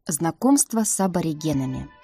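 A woman narrating a first-person audiobook in an even storytelling manner. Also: low-pitched, moderate pace, faint music behind.

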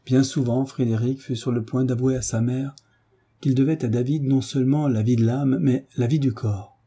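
A man narrating a classic novel as an audiobook, in a steady, measured way. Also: medium pitch, breathy edge.

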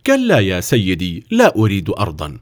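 A man doing a calm humble peasant. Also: fairly high pitch, a little fast, dry recording, studio quality, voice pushed up. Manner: calm, simple.

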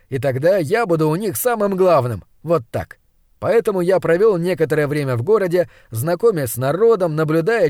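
A man reads a first-person audiobook with a sardonic, crude edge. His voice sits a bit high for a man, and the sound is close and dry. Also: a little mellow, no room sound. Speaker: narrator. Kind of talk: audiobook narration.

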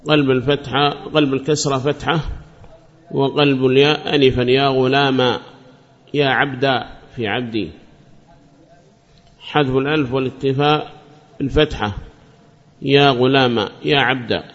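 A man's voice: mid-range voice, steady tone, normal speed, pauses often, a bit bright. Man, teacher, classroom grammar lesson, quizzes students, repeats rules, muffled lo-fi sound. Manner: quizzes students by name and praises answers; repeats and restates points patiently. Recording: muffled lo-fi recording.

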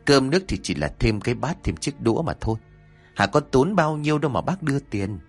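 A man's voice: medium pitch, big pitch swings, a little fast, faint music behind. A man voicing an older village chief who speaks with earnest, heavy, self-reproaching gravity. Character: older male village chief, humble and remorseful.

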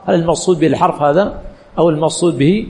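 A man's voice: fairly high pitch, rapid-fire, a little mellow, in a large hall. A male religious teacher giving a classroom lecture, quizzing the students with questions that he answers himself and repeating key phrases.

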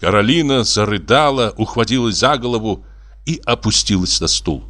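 Man, narrator, audiobook reading, lively pitch, expressive storytelling. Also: normal speed.

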